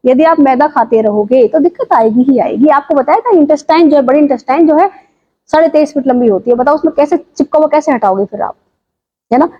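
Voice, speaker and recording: A woman teaching yoga and diet in an informal talk, asking listeners lively rhetorical questions. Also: sits high, brisk. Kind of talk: informal health talk to viewers. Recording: dull lo-fi sound.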